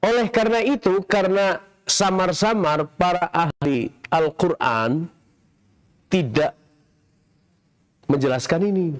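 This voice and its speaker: A middle-aged man giving a Quran commentary lecture in a large mosque, explaining slowly and quizzing his audience. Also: sits high. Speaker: mosque preacher.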